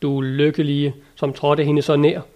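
A man's voice: fairly high pitch, completely flat delivery, darkish tone, lo-fi sound, natural voice. A man voicing an ardent, lofty old knight in an audiobook, speaking in a grand, old-fashioned and eager way. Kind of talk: audiobook character reading.

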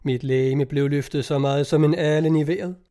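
Mellow male audiobook narrator. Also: a little high, fairly even intonation. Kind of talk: scripted narration.

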